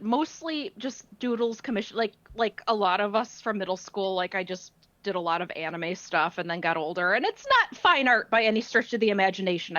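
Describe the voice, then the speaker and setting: A woman guest chatting casually on a podcast, animated and full of "like" and "um" fillers. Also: mid-range voice, no room sound, lo-fi sound. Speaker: guest artist.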